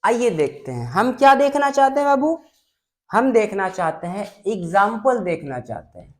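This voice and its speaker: A woman's voice: medium pitch, sing-song, moderate pace. A woman teaching English grammar in a classroom lesson, patiently repeating and drilling sentence patterns. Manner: patient, addresses students as "babu".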